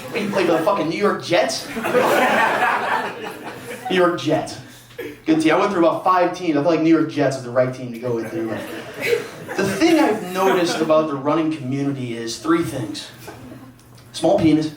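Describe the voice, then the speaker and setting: Crude rambling stand-up comedian. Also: male voice, a little high, animated, normal speed, long pauses. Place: comedy venue with live audience. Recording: roomy venue with a distant mic and crowd laughter.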